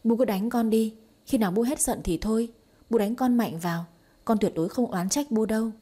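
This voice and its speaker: A bold, scheming young wife, as a woman reader voices her in an audio story, quick to scold and mock. The voice is mellow and a bit husky. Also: on the high side. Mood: sharp.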